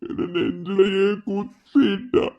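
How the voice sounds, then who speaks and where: A man with a Madurai Tamil accent voicing a heartbroken young man in a cartoon. He laments slowly, in a wailing, self-pitying way. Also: high-pitched, fairly even intonation, vocal fry, warm tone, dull audio, heavily acted. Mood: despairing. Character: heartbroken young man drinking away his sorrow. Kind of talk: cartoon voice acting.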